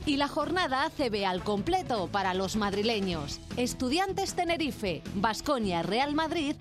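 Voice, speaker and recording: A woman's voice: a little high, very animated, a little slow. A woman announcer giving a scripted sports promo read for radio. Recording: music bed behind.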